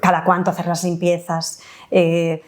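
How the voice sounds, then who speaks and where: Woman, dentist guest, lowish voice, chatty explanations with tag questions. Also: completely flat delivery, measured pace. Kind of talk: conversational interview explanation.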